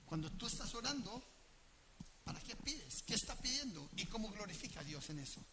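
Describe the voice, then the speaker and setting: Male preacher, high voice, lively storytelling sermon at a church. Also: fairly quick, very noisy. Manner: animated, asks the congregation questions and acts out dialogue. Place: church gathering.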